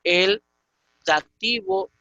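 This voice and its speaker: A man's voice: high voice, wildly swooping pitch, very slow, gravelly, bright, forceful tone, no echo, highs cut off. A man from the Dominican Republic teaching a Koine Greek class, explaining patiently and checking in with his students. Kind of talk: online class lecture.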